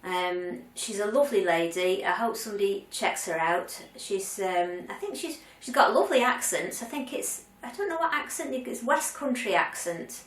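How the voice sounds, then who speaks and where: A woman's voice: medium pitch, animated, moderate pace, few pauses. Older lady vlogging to camera, chatty, lots of ums, sounds a bit far off in an echoey room. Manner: chatty and candid, with frequent ums and restarts. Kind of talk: casual chat to camera. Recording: roomy sound, mic at a distance.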